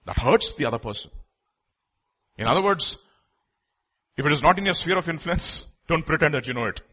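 A man with an Indian accent and a husky voice preaching a sermon emphatically, repeating phrases and posing rhetorical questions. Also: on the high side, expressive, brisk, sharp tone.

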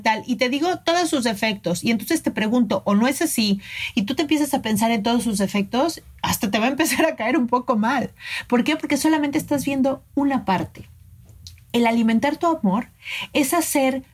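Lady podcast host, kinda high voice, earnest advice on relationships, talks right to you. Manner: earnest, coaching, addresses listeners directly.

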